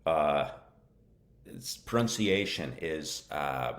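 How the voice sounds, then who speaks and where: A man's voice: a bass voice, expressive, slow pace, vocal fry, a bit bright. A man teaching a lesson on a live stream. He talks casually, answers viewer questions, drops in Arabic words, and often checks with "okay?".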